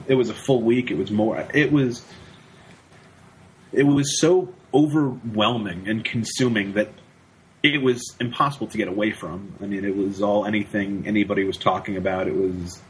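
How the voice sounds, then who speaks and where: A young man with a fairly low voice, speaking as a student guest on a casual podcast. He talks haltingly, stacking restarts and repeated words while he looks for the right phrasing. Faint background noise runs underneath. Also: steady tone, poor audio. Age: young adult. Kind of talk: casual conversational interview.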